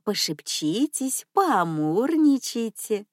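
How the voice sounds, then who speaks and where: A woman voicing a scheming, manipulative old grandmother who speaks slowly in a cooing, sugary tone. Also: a little high, big pitch swings, no echo, studio quality, heavily acted.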